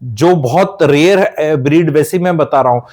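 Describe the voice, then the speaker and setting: A man's voice: a little high, normal speed, a little mellow. A man from India giving life advice in an emphatic, lecturing way, dropping English phrases into his talk.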